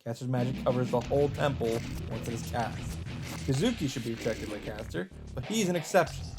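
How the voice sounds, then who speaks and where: Over game music, a man voices a visual novel's narration for a let's play, storytelling from a script. He sounds animated, medium-pitched and fairly quick.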